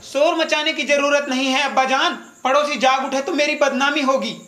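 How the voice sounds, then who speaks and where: An embarrassed grown son, impatient and defensive, as a man acts him out. He speaks in a hushed, fairly high voice in an audio drama. The sound is roomy, with music behind him. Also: normal speed. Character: embarrassed grown son worried about neighbors. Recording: roomy voice over background music.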